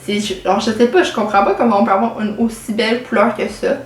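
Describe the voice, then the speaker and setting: Young woman, Québécois accent, bright high voice, loose filler-heavy chat, roomy echo. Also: fairly even intonation, fast. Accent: Québécois French. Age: late teens. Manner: chatty, many fillers and anglicisms. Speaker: vlogger. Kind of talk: casual chat to camera. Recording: echoey room with faint music.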